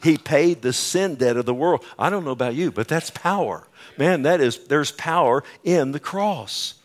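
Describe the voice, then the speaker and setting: A pastor preaching a sermon at a pulpit microphone in a church, emphatic, putting questions to the congregation. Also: male voice, a little high, lively intonation, normal speed.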